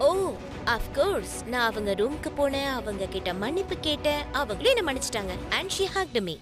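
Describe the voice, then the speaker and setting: A woman's voice: high voice, expressive, moderate pace. An actress dubbing a spoiled young daughter who worries that her father loves someone else more. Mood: anxious. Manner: petulant, anxious. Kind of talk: dubbed television serial acting. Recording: music score under dialogue.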